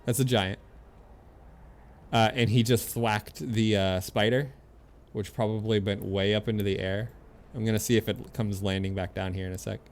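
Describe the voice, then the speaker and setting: A man with a low-leaning voice and fairly even intonation streams a game at a moderate pace. His commentary is relaxed and playful; he talks to the characters and swears now and then, with slight background noise behind him.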